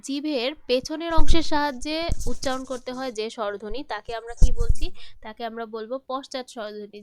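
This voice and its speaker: Woman teaching, higher voice, smooth and crisp, dry close sound. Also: dry recording. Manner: patient, asks questions then answers them. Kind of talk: explaining multiple-choice answers.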